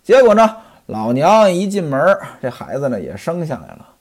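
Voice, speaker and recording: A man's voice: a little high, wildly swooping pitch, moderate pace, darkish tone. A man telling and explaining a classic story, chatting directly to his listeners. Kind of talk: storytelling commentary on a classic novel.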